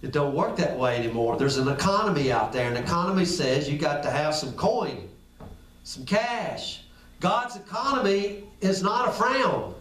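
A man's voice: a little high, animated, moderate pace, fairly bright tone. A man preaching a sermon in a folksy, conversational way. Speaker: pastor. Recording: echoey room, picked up from a distance.

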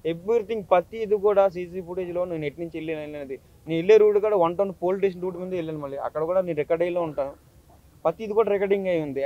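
A man's voice: high voice, muffled recording. A YouTuber man, telling his story to a press meet in an urgent, impassioned way. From Visakhapatnam, India. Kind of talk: emotional press statement.

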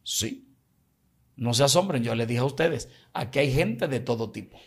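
A man's voice: medium pitch, expressive, normal speed, slightly rough. A man from the Dominican Republic with a Dominican accent, explaining emphatically and telling anecdotes in casual religious podcast talk. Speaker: evangelist podcast guest.

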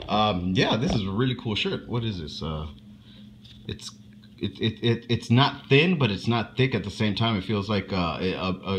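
Man, low voice, casual unboxing talk, rambling, swears a lot, faint background hiss. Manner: rambling, profane, halting. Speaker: unboxing vlogger.

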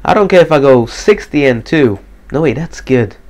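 A man giving casual live gameplay commentary, slightly depressed and monotone, swearing casually. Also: medium pitch, normal speed. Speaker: gaming commentator.

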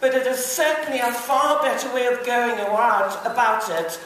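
A woman's voice: a little high, fairly even intonation, moderate pace, a bit bright, slight background noise. An older woman making assured, persuasive remarks to a meeting. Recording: echoey room from far off.

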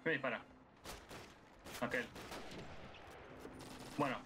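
A young man with an Argentine accent giving casual, excitable gameplay commentary, swearing and shouting at the game. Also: mid-range voice, slow. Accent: Argentine Spanish. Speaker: gaming YouTuber. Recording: noisy game audio with gunfire behind.

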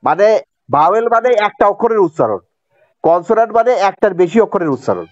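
A Bangladeshi-accented male teacher with a fairly high, sing-song voice explains a grammar point to his class at a fast clip. He goes over each rule again and often checks whether students are keeping up. The audio is dry, slightly muffled, and free of room sound.

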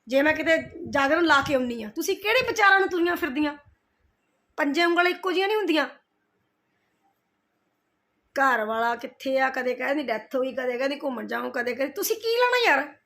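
A middle-aged woman vlogger replying to her roasters delivers a heated, confrontational rant straight to camera, scolding and repeating her points. Her voice sits high with a fairly bright tone.

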